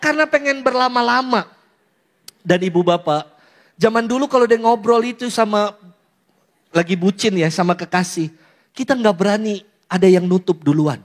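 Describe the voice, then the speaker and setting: High-voiced chatty priest. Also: male voice, normal speed, long pauses. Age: young adult. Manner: chatty storytelling, acts out quotes, laughs often. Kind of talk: humorous homily.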